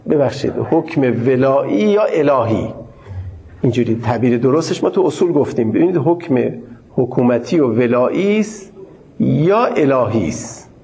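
A man lecturing in a seminary class, with a gravelly, creaky voice. His delivery is formal and measured, and he stops often to search for his words. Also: medium pitch, expressive, mellow. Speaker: teacher of Islamic jurisprudence.

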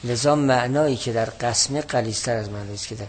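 Here a man of medium pitch works through a classical text, explaining it evenly and lending quoted lines a slower, weightier reading. A soft hiss lies under the audio.

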